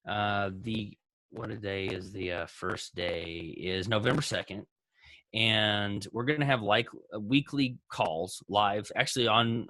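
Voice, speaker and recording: A man's voice: fairly low pitch, fairly bright tone, dry recording, low-quality recording. A man with a Texas accent, a guest entrepreneur chatting casually on a video call, enthusiastic and rambling with many restarts. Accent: Texan.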